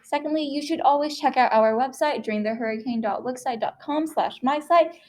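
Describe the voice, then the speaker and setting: A woman's voice: high-pitched, fairly quick, a little mellow. A teenage girl reading a scripted class presentation, carefully, with small slips. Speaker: student presenter.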